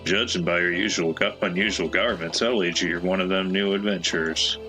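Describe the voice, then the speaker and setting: A man's voice: sits low, steady tone, a little fast, pushed and bright, faint music behind, rough recording. A man voicing a chatty, folksy old male peddler with a put-on American Southwestern drawl, reading game dialogue in character.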